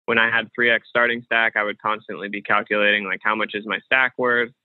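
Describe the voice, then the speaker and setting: A man's voice: fairly low pitch, level tone, brisk, dry recording. A man, a guest on an interview, talking casually and thinking aloud with many fillers and restarts over a remote call. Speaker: guest, professional poker player. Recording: dry, phone-like remote call audio.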